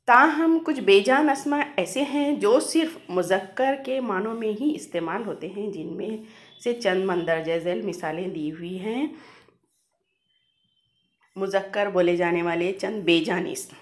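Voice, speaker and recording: A woman teacher talks to young pupils in a grammar lesson. She reads word pairs one by one at a measured pace, then explains in quicker, plain asides. Her pitch sits in the middle for a woman. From India. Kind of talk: reading a grammar lesson to children.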